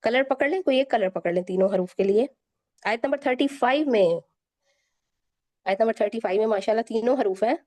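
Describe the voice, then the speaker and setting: A woman with a Pakistani Urdu accent teaching Quran recitation in an online lesson, patiently drilling each letter sound slowly and repeating it. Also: a little high, darkish tone.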